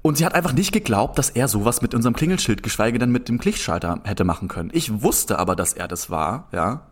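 A young man telling a long story in a casual conversation, rambling and animated, often restarting his sentences. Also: medium pitch, quick pace. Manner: rambling, animated anecdote with frequent restarts and filler "so".

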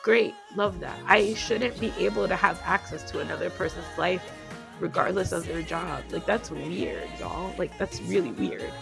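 A woman co-hosting a casual podcast while sick, her voice hoarse and raspy like a smoker's. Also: lowish voice, expressive, normal speed, music in the background. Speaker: podcast co-host. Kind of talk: casual chat.

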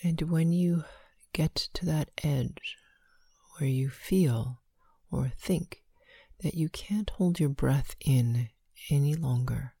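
A woman leading a guided meditation, counting breaths slowly with long pauses between short phrases. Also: sits low, dark tone, husky, no room sound.

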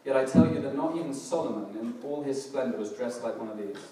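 A hoarse man with a slightly crackly, mid-range voice talks quickly through a casual church sermon before a congregation in a church hall. He's relaxed and self-deprecating, hesitating with fillers and restarts. The mic sits far off in a very echoey hall with background noise.

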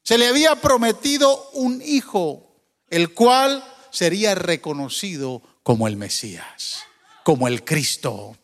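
A man preaching a sermon, telling a story and then teaching, swinging from hushed asides to raised cries. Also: high-pitched, lively intonation, a little slow. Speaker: pastor. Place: church hall. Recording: preached in a hall with long reverb.

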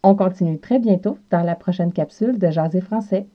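Lower-pitched woman with a Quebec French accent. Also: fairly quick, dull audio. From Quebec, South Shore of Montreal. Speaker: podcast host and French teacher. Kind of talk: scripted language lesson with repeated practice phrases.

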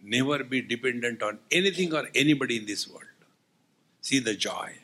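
A man's voice: mid-range voice, expressive, a little fast, pushed and bright. A man with an Indian accent giving a spiritual discourse as a swami, telling humorous anecdotes in a wry, teasing way with rhetorical questions.

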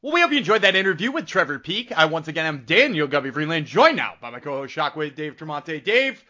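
A man with a bright, forceful voice pitched a bit high hosts a casual sports show. The sound is slightly dull and lo-fi. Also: very animated, fast talker, faint music behind. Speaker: sports podcast host and interviewer.

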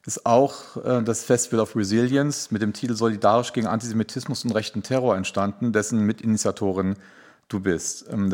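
A man hosts a podcast interview and walks through his guests' backgrounds. His voice sits on the low side, and he pauses often, leaning on filler sounds as he goes. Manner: hesitant, many filler sounds. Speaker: podcast host.

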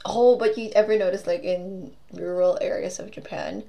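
A woman's voice: on the low side, normal speed, vocal fry. A young woman from the Philippines chatting casually as a podcast co-host, telling stories with lots of giggles. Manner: giggly, animated storytelling. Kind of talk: casual chat.

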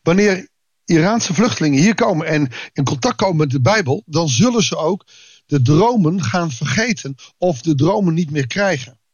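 A man reads a Bible passage and comments on it in a casual, talky way, often restarting his sentences. His voice sits a little high for a man. The sound is dry and close, with no room echo. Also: expressive, normal speed. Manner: conversational, with frequent restarts and asides. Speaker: preacher. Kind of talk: Bible reading with devotional commentary.

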